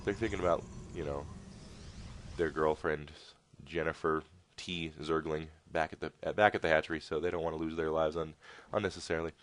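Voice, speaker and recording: A man's voice: a bass voice, steady tone, a little fast, a bit bright. A man casting a strategy game replay in a casual, rambling way with jokey asides. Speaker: game caster. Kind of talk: casual video game commentary.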